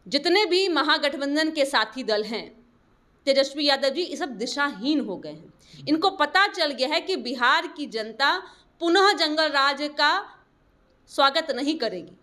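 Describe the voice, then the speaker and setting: A woman's voice: sits high, pushed and bright. A woman party spokesperson answering interview questions in a combative way, rebutting her opponents and lecturing them.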